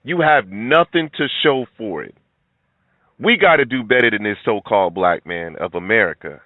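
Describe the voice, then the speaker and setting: A man's voice: fairly low pitch, lively intonation, normal speed, no echo. A middle-aged man giving blunt, preachy reaction commentary, lecturing his listeners. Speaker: commentary video host. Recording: tinny, phone-like, dry sound.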